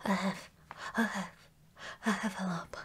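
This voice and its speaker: A woman's voice: fairly high pitch, fairly even intonation, slow, vocal fry, husky, voice pushed up, full character voice. A woman voicing a small, timid, easily panicked male piglet in a whispered bedtime story, stammering and repeating words. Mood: flustered, breathless.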